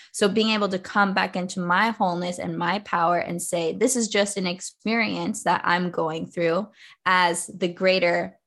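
On a podcast where she's the guest, a young author and coach shares her personal story in a chatty, relaxed way, peppered with plenty of "like." Her voice runs low with a fairly bright tone.

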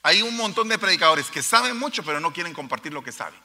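A man's voice: a little high, lively intonation, fast talker, pushed and bright, long reverb tail. A man preaching a sermon to his congregation, emphatic and speaking straight to his listeners. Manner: emphatic, addresses the congregation directly.

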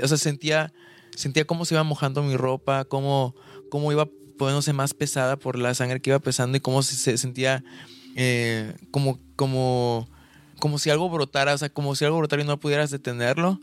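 A young man talking casually on a podcast, his mid-range voice stumbling over restarts and fillers as he goes. A faint background hiss sits under the recording. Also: mid-range voice. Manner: hesitant, many restarts and fillers. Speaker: podcast co-host. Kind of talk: casual chat.

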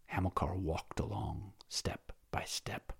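A man narrating a novel in a measured, dramatic reading. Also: sits low, creaky, breathy edge, whispered. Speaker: audiobook narrator. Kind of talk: scripted narration.

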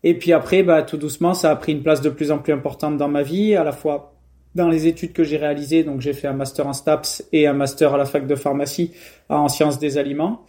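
A man's voice: a little high, fairly even intonation, fairly quick, mellow. A young man from France answering interview questions in a casual, hesitant way, with many fillers and restarts. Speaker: guest, professional triathlete.

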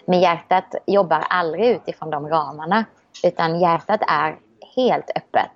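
A woman talks in a reflective, optimistic way, often restarting her thoughts. The recording sounds a bit dull. She speaks as a guest in a casual conversation. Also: low voice.

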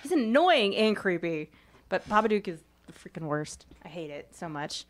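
A woman's voice: on the low side, big pitch swings. A woman co-hosting a casual chat, arguing her picks with strong opinions. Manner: opinionated, quick to argue. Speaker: co-host. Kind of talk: casual chat about fictional matchups.

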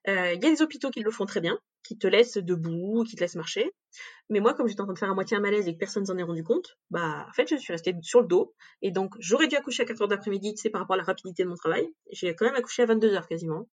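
A woman's voice: mid-range voice, animated. A young adult woman giving a frank, conversational account of a hard personal experience as a podcast guest. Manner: frank, fast and conversational, full of fillers. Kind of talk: candid personal testimony.

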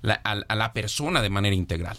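A man's voice: on the low side, fast talker. A man, a guest from a foundation, speaking in an emphatic, engaged way. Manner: emphatic, animated. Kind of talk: casual chat.

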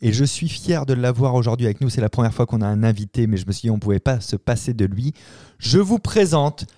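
A man's voice: medium pitch, fairly even intonation, fast talker, warm tone, no room sound, studio quality. A man hosting a comedy podcast in casual chat, playful and sometimes stumbling over his phrasing, sounding tired. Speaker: podcast host.

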